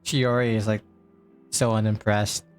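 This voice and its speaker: A man's voice: lowish voice, level tone, a little slow. Brief: male streamer, sarcastic and profane, faint game music behind. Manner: sarcastic, swears casually. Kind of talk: casual gameplay commentary.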